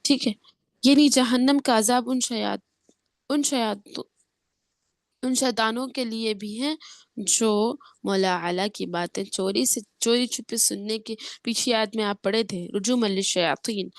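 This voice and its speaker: Female Quran tutor with a cold, mid-pitched, explains tajweed rules, dry close-mic delivery. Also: no room sound. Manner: explains step by step, often checks with "theek hai?"; slow drawn-out chanting when reciting verses. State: voice affected by a cold. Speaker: Quran teacher. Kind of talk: Quran recitation and tajweed lesson.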